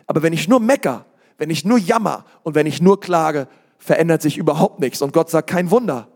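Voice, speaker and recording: A male pastor preaching an emphatic sermon, speaking straight to the congregation and rising to shouts. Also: a little high, lively intonation, a little fast.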